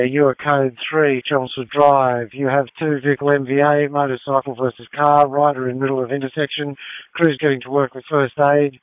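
A man's voice: medium pitch, no room sound. Man dispatching over walkie talkie. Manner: measured, formal read-back. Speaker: emergency radio dispatcher. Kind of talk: radio procedure talk. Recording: dry, tinny radio channel.

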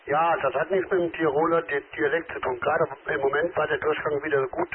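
On an amateur radio contact, a man chats politely and hesitantly, stuffing his sentences with filler sounds. His voice sits on the high side with fairly even intonation and a fairly quick pace. The tinny radio transmission carries slight background noise and a crowd behind him.

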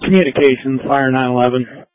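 Brisk man on a police radio. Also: mid-range voice, fairly even intonation, no room sound. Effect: police radio transmission. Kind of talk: terse radio codes. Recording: tinny, dry radio channel.

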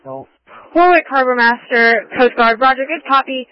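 A man's voice: extremely high pitch, normal speed, dry recording. A man working as a Coast Guard radio operator, speaking in clipped, formal radio procedure over a marine radio transmission. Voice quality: crisp, formal call-and-response phrasing. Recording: muffled dry radio audio.

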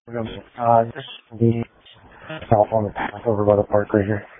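A police officer radioing dispatch over a police radio, his words clipped and halting. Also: fairly low pitch, little pitch movement. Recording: tinny, dry radio transmission.

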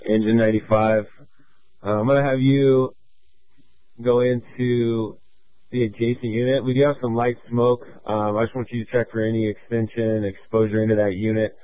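A man's voice: mid-range voice, little pitch movement, no echo. A man acting as fire incident commander over a two-way radio, giving clipped orders with many fillers. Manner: clipped, procedural, halting with fillers. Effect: two-way radio transmission. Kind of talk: fire radio dispatch traffic. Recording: tinny radio channel, dry.

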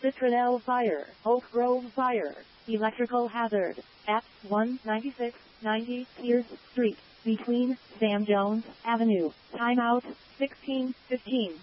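A woman dispatcher's voice comes through a dispatch radio channel, slightly high and deliberately slow. She reads the call out in a measured, evenly spaced readout. The sound is dull and muffled like a scanner, with a faint hiss running underneath. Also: fairly even intonation. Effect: dispatch radio transmission.

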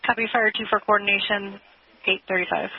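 Fast flat woman dispatcher on police radio. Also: medium pitch. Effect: police radio transmission. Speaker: emergency dispatcher. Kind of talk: rapid radio dispatch traffic. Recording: tinny scanner radio, static noise.

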